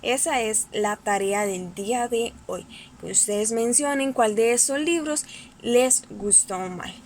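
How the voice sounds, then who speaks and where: A woman Sunday school teacher tells a Bible lesson to children from home. Her voice sits fairly high and her pace is very unhurried. She repeats herself and speaks straight to the kids, with a faint background hum. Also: a little mellow. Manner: slow, repetitive storytelling aimed at children.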